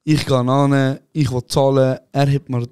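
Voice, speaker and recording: Ein junger Mann aus der Schweiz mit Schweizerdeutschem Akzent, Co-Host eines Podcasts, der eine Ferien-Anekdote lebhaft und aufgedreht erzählt und andere Leute laut nachspielt. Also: male voice, medium pitch, measured pace, smooth, no echo, clean studio sound. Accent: Swiss German. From Switzerland. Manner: excited anecdote telling, acting out other people with shouts, calls the other host "Bro". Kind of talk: casual chat, animated storytelling.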